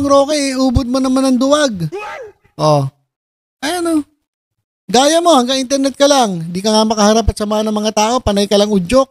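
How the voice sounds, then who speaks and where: A man's voice: very high voice, dry recording. A man giving casual reaction commentary, mocking and sarcastic, often breaking into laughter. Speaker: video commentator.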